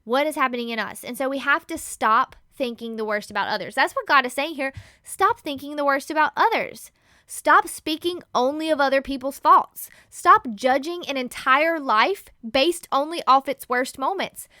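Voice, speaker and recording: A woman giving a casual Bible teaching as a podcast host, animated and laughing often as she acts out everyday scenes. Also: high-pitched, moderate pace, dry recording, studio quality.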